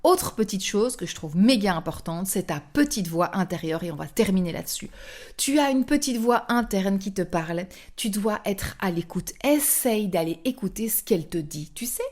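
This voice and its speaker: A woman hosting a motivational podcast, speaking directly to the listener in an animated, coaxing way and acting out inner thoughts. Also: medium pitch, normal speed. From France. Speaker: podcast host and coach.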